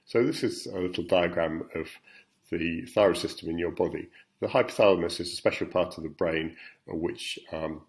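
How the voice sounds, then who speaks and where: In a deep voice at normal speed, a male endocrinology professor presents study results to patients in a recorded talk. He explains each slide simply, often filling pauses with um and uh.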